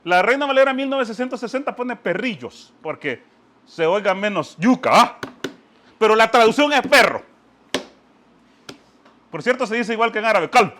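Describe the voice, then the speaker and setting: Guy, high voice jumping all over, keeps asking "¿ah?". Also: normal speed, pauses often. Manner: lively, emphatic, asks "¿ah?" often. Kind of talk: animated commentary on scripture.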